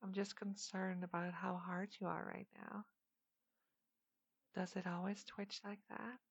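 A woman's voice: mid-range voice, little pitch movement, measured pace, vocal fry, slightly rough, no echo, highs cut off. A woman playing a seductive, teasing adult superheroine in an intimate erotic audio role-play, speaking breathily and often half-whispering.

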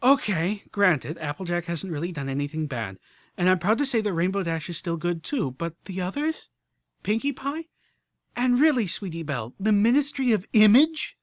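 A man's voice: fairly high pitch, animated, moderate pace, hardly any pauses, bright, forceful tone, no echo. A man voicing an older mare pony leader who is frustrated and fiery, talking in an emphatic, exasperated way. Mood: furious. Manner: exasperated, emphatic, swearing when angry.

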